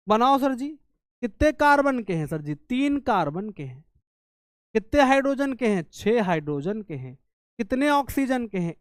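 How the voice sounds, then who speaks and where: A man's voice: sits high, smooth, no room sound, studio quality. A male chemistry teacher, coaching students through exam questions, coaxing and scolding, often asking their questions back in his own voice. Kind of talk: exam-prep lesson.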